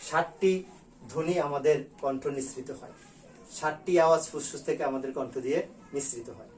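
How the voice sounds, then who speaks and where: Man, slightly high voice, teacher, online grammar class, repeats and drills sounds. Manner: repeats key sounds slowly and drills them. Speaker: school teacher.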